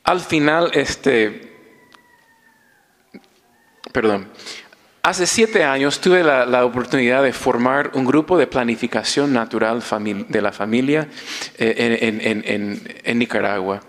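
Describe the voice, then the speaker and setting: A man's voice: medium pitch, fairly bright tone. A male priest preaching a sermon. He halts and restarts often, then builds to fervent preaching. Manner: halting with many restarts, rising to fervent preaching. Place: church. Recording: long church reverb.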